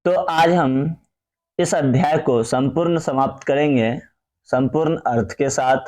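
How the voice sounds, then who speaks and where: A man's voice: a little high, measured pace, darkish tone. A male teacher, explaining a lesson step by step in an online class and repeating key phrases.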